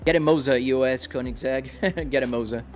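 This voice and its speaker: A man from Brazil, a native Portuguese speaker, answers livestream viewers' questions casually in a brisk, mid-range voice. He's at a driving simulator in his home office, with music and game engine sounds audible in the background.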